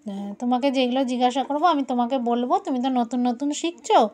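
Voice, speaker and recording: A woman with a high, light voice gives her young child a lesson at home. She is patient and coaxing. She repeats each question until the child answers. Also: a little fast, a little mellow.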